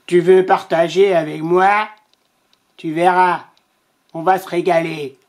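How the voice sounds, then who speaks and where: A woman voicing a greedy, chummy male crocodile in a storybook reading, speaking slowly and slyly. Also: on the low side, fairly even intonation, a little mellow.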